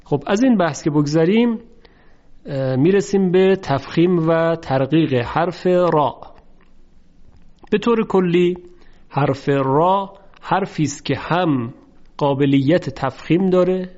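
A man teaching a lesson on Quran recitation, slowly drawing out example words to demonstrate pronunciation. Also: fairly high pitch, a little mellow. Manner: slow, drawn-out demonstration of words. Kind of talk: lesson on tajweed. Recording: dull lo-fi recording.

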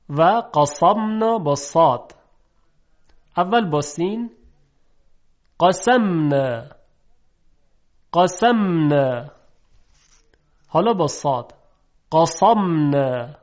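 High-voiced man teaching Quran pronunciation. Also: highs cut off. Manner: explains briskly, then pronounces each word slowly twice, louder and higher. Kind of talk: pronunciation lesson with slow drawn-out examples.

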